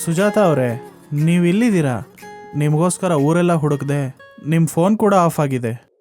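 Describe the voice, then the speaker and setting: A man's voice: fairly high pitch, lively intonation, moderate pace, music in the background, lightly acted. An actor playing a tearful young man who keeps begging a woman to marry him, in a web series drama. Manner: pleading, repetitive. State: crying.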